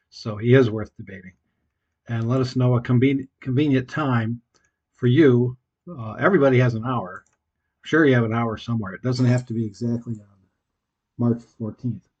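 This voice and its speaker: A man's voice: mid-range voice, slightly rough. A man leaving a voicemail over a landline phone, hesitant, with frequent filler sounds. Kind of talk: phone message. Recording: muffled landline phone line.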